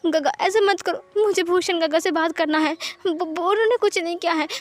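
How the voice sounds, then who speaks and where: A woman's voice: extremely high pitch, normal speed, pitched above the performer's own voice. A woman voicing a nervous younger brother who stammers and pleads. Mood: pleading.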